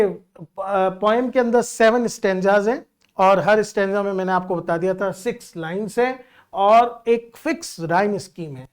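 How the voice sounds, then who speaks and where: A woman teaching literature, explaining a poem patiently and counting out syllables, switching between Hindi and English. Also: mid-range voice.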